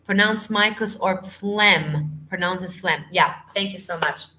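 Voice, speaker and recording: A woman's voice: medium pitch, a little slow, sharp tone. A woman vocal coach, tired, chatting through a live Q&A and hunting for English words. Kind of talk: live stream Q&A. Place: home.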